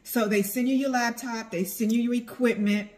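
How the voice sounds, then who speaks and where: A woman's voice: fairly high pitch, fairly even intonation, normal speed, a little mellow. A middle-aged woman chatting casually to her followers in a vlog, drawing out words for emphasis as she tells her story. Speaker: vlogger, tax preparer.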